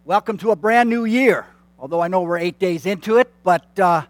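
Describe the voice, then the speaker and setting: Speaking at normal speed in a high voice, a church consultant in his fifties makes announcements to the congregation in a church sanctuary. He's friendly and pokes fun at himself, often using fillers and starting over. There's no room sound.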